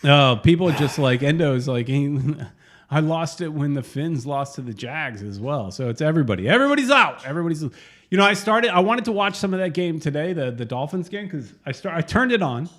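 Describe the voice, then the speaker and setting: A man's voice: a little high, fairly quick. A middle-aged man co-hosting a casual soccer fan podcast, joking and telling stories. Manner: joking, animated storyteller. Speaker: co-host.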